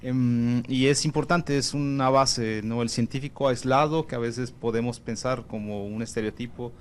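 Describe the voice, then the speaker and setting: A man's voice: medium pitch, steady tone, moderate pace, slight background noise. A man doctoral student answering in class discussion, hesitant, often checking agreement.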